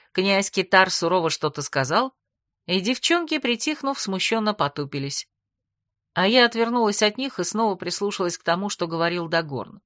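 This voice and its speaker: A woman reading a fantasy audiobook in the first person, expressive and measured, with a mid-pitched voice. The recording is dry and close to the mic, with no room sound. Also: dry recording. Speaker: audiobook narrator.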